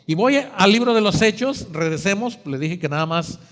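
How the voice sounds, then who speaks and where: A male preacher with a high voice delivers a dramatic sermon. He fires rhetorical questions at the congregation and swings between hushed and loud. His voice rings with the long reverb of a church sanctuary. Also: lively intonation, normal speed.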